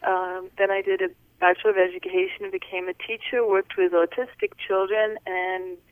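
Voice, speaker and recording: A woman's voice: mid-range voice, little pitch movement, moderate pace, clean tone, no echo. Welsh-raised woman on a tinny phone line. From Wales. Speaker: podcast guest, physician. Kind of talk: casual interview talk.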